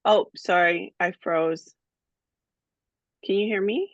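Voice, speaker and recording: A woman talking casually over an unstable video call connection, in a halting way with lots of fillers. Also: fairly low pitch. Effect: dull, unstable video call connection. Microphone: computer mic on a video call. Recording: dull, dry lo-fi call audio.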